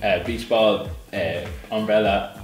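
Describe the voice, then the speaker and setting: Slow hesitant young quiz contestant. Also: male voice, lowish voice, steady tone, recorded from a distance, music in the background. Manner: hesitant, filler-heavy. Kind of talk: casual challenge game. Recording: echoey room.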